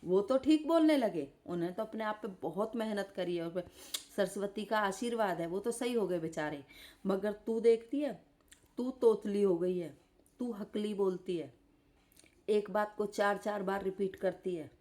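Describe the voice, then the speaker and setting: A woman's voice: medium pitch, measured pace, mellow. A woman live streaming from bed, scolding and insulting someone in an angry roast rant. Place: lying in bed.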